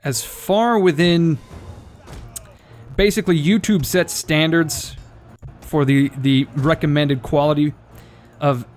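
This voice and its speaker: A man casually commentating a strategy game, thinking aloud and swearing now and then, his audio cutting in and out with uneven volume. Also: on the high side. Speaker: gameplay commentator.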